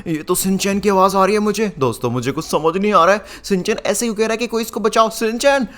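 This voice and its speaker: Excitable high-voiced young gaming man. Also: fast talker. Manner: excitable, theatrical gasps, constantly addressing viewers. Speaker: gaming YouTuber narrating as player character. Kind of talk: dramatic gameplay commentary.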